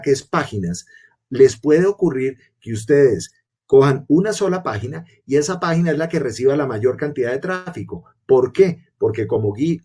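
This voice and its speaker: Dark husky man presenting a webinar. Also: mid-range voice. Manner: explanatory, poses and answers own questions. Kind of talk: webinar lecture.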